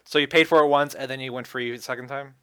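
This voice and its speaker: A man's voice: mid-range voice, steady tone, fast talker, a bit bright, a little hiss or hum. A man hosting a casual podcast chat, laughing often and swearing casually. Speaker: podcast host.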